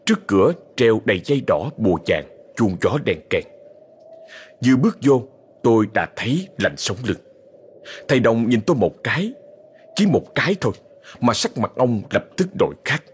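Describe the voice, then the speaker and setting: A man narrating a horror story with dramatic, expressive delivery. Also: mid-range voice, moderate pace, husky.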